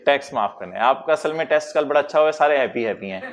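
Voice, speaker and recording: A man lecturing a tax class, with lively asides and English terms mixed into his explanations. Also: mid-range voice, rapid-fire, slight background noise.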